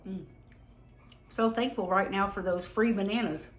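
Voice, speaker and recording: A woman hosting a casual home vlog, chatty and relaxed with many ums. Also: medium pitch, moderate pace. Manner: talks while tasting, mouth full. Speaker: home cooking vlogger. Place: home kitchen and growing room. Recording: roomy home echo.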